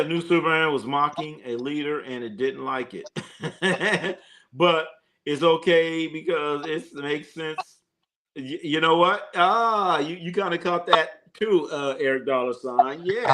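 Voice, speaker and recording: A man with a fairly high pitch and a fairly bright tone hosts a live sports stream. In a loose, joking style full of slang and fillers, he reads comments and talks with viewers and a co-host.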